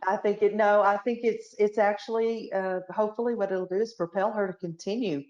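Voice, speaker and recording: A woman's voice: medium pitch, steady tone, fairly quick, darkish tone, lo-fi sound. A woman hosting an interview casually, supportive, reading out audience comments, heard over a video call. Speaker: host.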